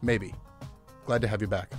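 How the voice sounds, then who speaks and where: A man's voice: fairly low pitch, fairly even intonation, normal speed, faint music behind. A man hosting conversational news talk in an emphatic, wry manner. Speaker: podcast host.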